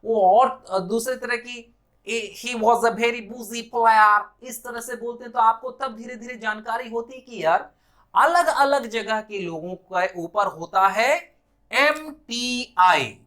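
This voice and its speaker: A man with an Indian accent teaching a spoken English lesson in Hindi, slowing down to spell out English words syllable by syllable. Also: extremely high pitch, sharp tone.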